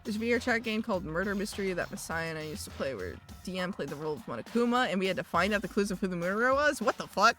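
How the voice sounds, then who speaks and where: A woman's voice: medium pitch, lively intonation, very fast, hardly any pauses, fairly bright tone, faint music behind. A woman streaming a video game, chatting casually and swearing now and then. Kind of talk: casual gaming commentary.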